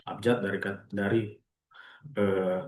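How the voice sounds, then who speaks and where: A man teaches at a very slow, deliberate pace, sounding out each letter more than once and pausing often with fillers. His voice sits at a middle pitch. The room around him is noticeably echoey. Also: level tone, a little mellow. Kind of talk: unscripted lesson explaining letters.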